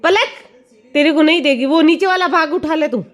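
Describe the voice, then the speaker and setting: A woman's voice: high-pitched, moderate pace. A young woman vlogging at home in casual chat, talking to and coaxing small children. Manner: chatty, scolding and coaxing children. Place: home indoors.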